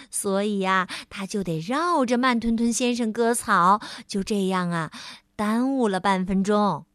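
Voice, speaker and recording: A woman reading a storybook aloud to children, gentle and drawn-out, as a storyteller. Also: medium pitch, dry recording, clean studio sound.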